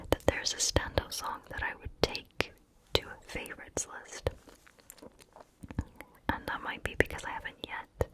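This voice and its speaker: Woman whispering softly, close to the ear. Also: rough recording. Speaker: ASMR video host. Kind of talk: whispered ASMR chat about favorite music.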